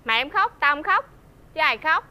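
An actress playing a scared, whiny young companion who speaks softly. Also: female voice, sits high, expressive, a little fast, background noise. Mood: timid. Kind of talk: web drama acting.

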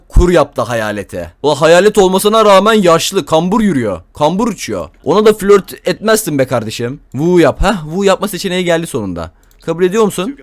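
A man's voice: fairly high pitch, no room sound. A young man giving casual, crude, joking commentary while playing a game, talking to viewers and to the characters. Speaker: gameplay commentator.

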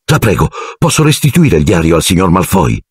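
A man's voice: deep voice, wildly swooping pitch, a little fast, breathy edge, no room sound, studio quality, exaggerated voice. A man voicing an earnest, brave twelve-year-old boy wizard in an audiobook, eager and often breathless. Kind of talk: audiobook character voice.

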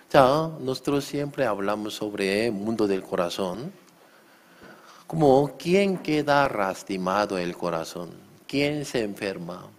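Slow, low-voiced pastor preaching. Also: male voice. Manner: acts out shouting quotes, asks the congregation questions. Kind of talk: sermon.

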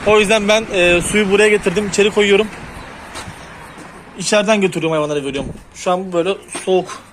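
A man doing chores in an outdoor chicken yard and chatting casually to his viewers, now and then shouting at the birds to shoo them. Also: sits high, steady tone, quick pace. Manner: talks to the chickens and shoos them loudly. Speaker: poultry hobby vlogger. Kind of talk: casual chat to camera while doing farm chores. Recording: noisy outdoor sound with birds.

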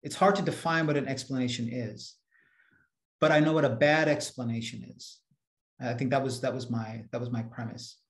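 A man's voice: medium pitch, normal speed. A man answering a question at an academic seminar over a video call, emphatic and often repeating words as he starts a sentence. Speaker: seminar speaker. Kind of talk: academic Q&A discussion. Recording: echoey room on a video call.

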